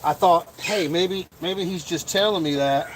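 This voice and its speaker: A middle-aged man hosting a casual livestream chat as a comedian, rambling with lots of fillers and quick chuckles. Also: high-pitched, slight background noise. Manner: chuckling, full of fillers and restarts.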